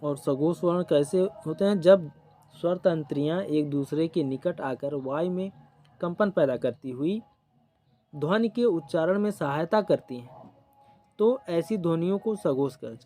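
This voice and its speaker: Slow, high-voiced male exam teacher. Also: warm tone, soft background music. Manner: repeats definitions slowly, checks in with "ok", "theek". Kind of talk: exam coaching lesson.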